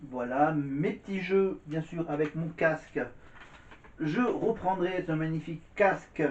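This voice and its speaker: A man's voice: on the high side, measured pace, a little mellow. A man chatting casually to camera in a vlog, rambling, repeating words and saying "voilà" often. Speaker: vlogger. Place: indoors at home. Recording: echoey room, dull lo-fi sound.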